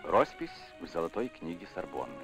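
A man's voice: low-pitched, very animated, brisk, vocal fry. A man narrating a 1960s newsreel with a formal, declamatory announcer delivery, old newsreel sound. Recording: narration over loud music.

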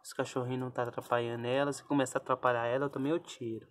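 A man's voice: mid-range voice, level tone, very fast, background noise. A man films his dog giving birth, talking to her in soothing baby talk that often drops to a whisper. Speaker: dog owner filming a birth. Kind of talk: casual vlog narration.

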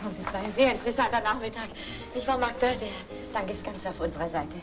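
A woman's voice: mid-range voice, quick pace, over music, close to an everyday voice. An actress playing a prim, strict female chaperone with a stern, proper manner, in old German film acting.

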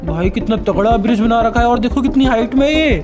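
High-voiced teasing young streamer man. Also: a little fast. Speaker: gaming streamer. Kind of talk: casual Minecraft role-play banter. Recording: game music behind voice.

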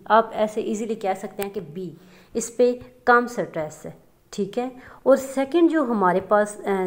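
Female tutor, slightly high voice, patient lesson delivery with frequent check-ins. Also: a little mellow. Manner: addresses listeners as friends, many fillers and "theek hai" checks. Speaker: teacher. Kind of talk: explaining a lesson.

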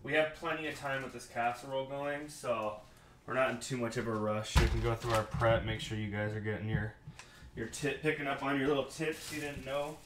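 Casual male cooking streamer, thirties, mid-pitched, noisy home kitchen with a running tap. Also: fairly even intonation, fairly quick, reverberant. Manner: laid-back, chatty, reads and answers live chat. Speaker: cooking show host. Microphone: fixed camera mic, host moves around.

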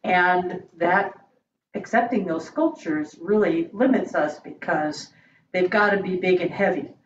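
A woman board member explaining her view at a meeting in a hesitant, halting, measured way. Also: on the low side. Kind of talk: deliberative meeting discussion. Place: indoor meeting room around a large table. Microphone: far room mic on a video call. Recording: echoey room, distant mic, dull, faint noise.

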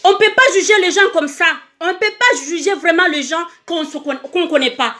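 High bright Comorian woman livestreaming. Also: fairly quick. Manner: emphatic, repetitive, asks viewers for hearts. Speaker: singer on a livestream. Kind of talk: casual livestream monologue.

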